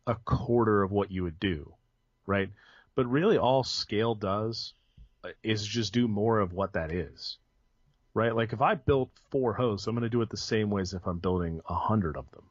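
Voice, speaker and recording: Low-voiced man chatting on a lo-fi podcast. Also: no echo. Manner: rambling, frequent ums and self-corrections. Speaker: podcast guest, IT engineer. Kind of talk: casual conversational interview. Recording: dull lo-fi dry podcast audio.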